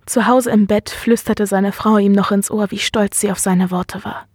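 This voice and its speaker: Steady woman reading a story. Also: medium pitch, moderate pace, breathy edge, no echo, clean studio sound. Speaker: reader.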